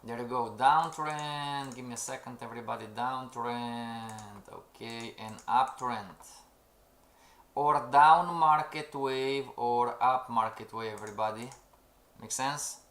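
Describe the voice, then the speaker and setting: A trading instructor runs a live-streamed lesson, repeatedly calling out "everybody", asking "okay?" and reading chat messages aloud. His medium-pitched voice is slow and fairly bright, and the recording has a roomy echo.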